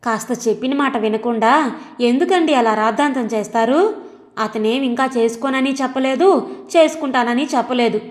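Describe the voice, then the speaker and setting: Brief: woman as an anxious, coaxing middle-aged mother, higher voice, reverberant sound. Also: normal speed, close to an everyday voice. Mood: pleading.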